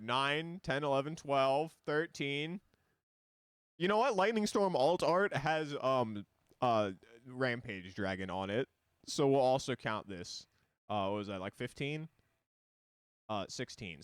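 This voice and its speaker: A man's voice: medium pitch, smooth, no echo, studio quality. A man streaming a card game, explaining it in loose, rambling casual talk full of fillers.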